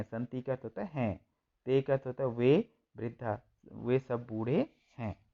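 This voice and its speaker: A man's voice: medium pitch, gravelly, dull audio. A man teaching a school textbook lesson, reading each line and then translating and repeating it.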